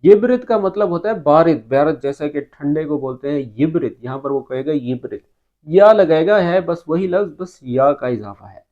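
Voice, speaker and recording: A man teaching a language lesson, saying each foreign phrase slowly and carefully before explaining it. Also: a little high, muffled recording.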